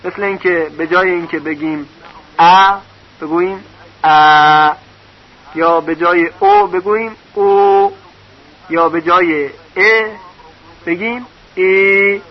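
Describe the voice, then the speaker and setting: A man teaching a recorded lesson on reading vowel marks, patiently spelling out syllables one by one. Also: high voice. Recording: dull lo-fi recording.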